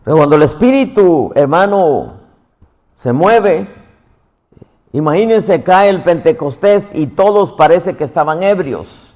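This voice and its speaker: A man's voice: a little high, animated, a little slow, a little mellow, long reverb tail. A man preaching a passionate sermon, calling his listeners "hermano" again and again.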